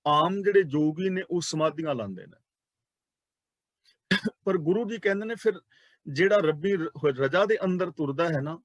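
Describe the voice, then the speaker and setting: A man teaching a religious class, explaining sacred terms slowly and speaking directly to his listeners, often repeating key words. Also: fairly high pitch, animated, no echo, dull audio. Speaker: Sikh scripture teacher.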